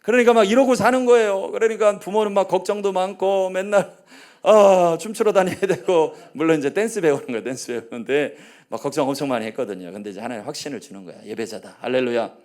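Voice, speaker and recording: A man in his forties, a pastor preaching a sermon, telling family stories in a low voice and rising to loud rallying calls. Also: quick pace. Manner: swings between hushed storytelling and loud rallying calls; acts out his family's quoted lines.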